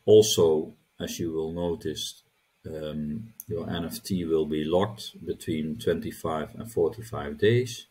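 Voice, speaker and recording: Low, slow, husky-voiced man demoing a screen. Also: warm tone. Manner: halting, repeats words while clicking through steps. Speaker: crypto channel host. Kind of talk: screen-recorded tutorial walkthrough.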